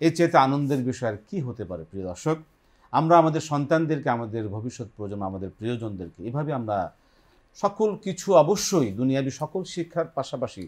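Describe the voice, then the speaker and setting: A man with a Bengali accent leads a Quran recitation class for television. His voice sits at a middle pitch for a man. He models each sound slowly and has his students say it back. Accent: Bangladeshi Bengali. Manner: patient teaching, models pronunciation and has the class repeat it. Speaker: Quran recitation teacher and host. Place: television studio.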